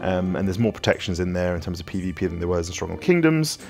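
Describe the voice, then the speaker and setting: A deep-voiced man talks through viewer questions about his game, filling gaps with ums and you-knows as he rambles. His low voice sits over a faint bed of background music. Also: very animated, fast talker. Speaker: game developer answering questions. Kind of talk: casual Q&A chat.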